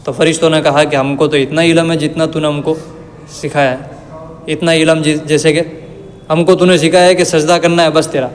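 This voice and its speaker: A man giving a religious lesson, reciting verses slowly and then explaining them in plain everyday words. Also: fairly high pitch, little pitch movement, a little hiss or hum. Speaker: Quran teacher. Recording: long reverb.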